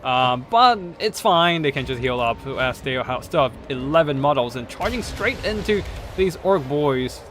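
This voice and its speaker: A man's voice: mid-range voice, expressive, normal speed, a bit bright, soft background music. A man casually commentating strategy game tournament replays, rambling with many fillers and restarts and swearing now and then. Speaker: game caster.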